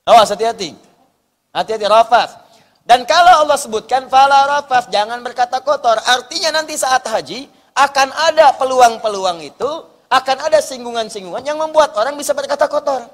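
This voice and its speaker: A high-pitched male preacher delivering a sermon. He moves between emphatic, raised passages and soft storytelling. His voice carries a long reverb from a lecture hall. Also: fairly quick. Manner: animated, rising to emphatic bursts and dropping to soft storytelling.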